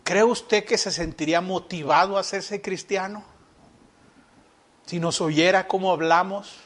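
A man preaching a sermon to his congregation, animated and full of repeated rhetorical questions. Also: high-pitched, a little slow. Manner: animated, with mocking impressions of gloomy churchgoers.

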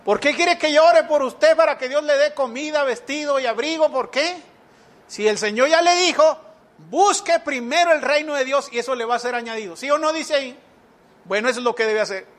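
A man's voice: very high-pitched, brisk, a bit bright. A man preaching a sermon, asking the congregation rhetorical questions and mimicking whiny believers.

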